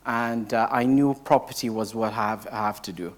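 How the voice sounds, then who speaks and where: This young adult from Portugal, whose first language is Portuguese, shares a personal story before a live audience as the case study speaker at a training event. His lowish voice holds a steady tone at an ordinary pace, though he hesitates constantly, leaning on fillers and restarts.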